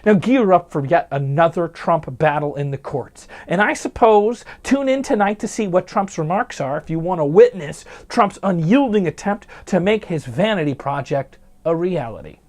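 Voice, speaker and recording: Sarcastic guy doing a quick news rundown, very lively voice, jokey little asides. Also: high voice. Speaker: news commentary host.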